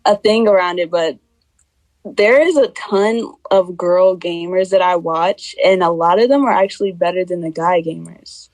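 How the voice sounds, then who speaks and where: A woman's voice: fairly low pitch, no echo, poor audio. A woman in her twenties from the United States, chatting casually as a podcast guest with lots of fillers. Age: 20s. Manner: relaxed, chatty, many fillers. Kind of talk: casual chat.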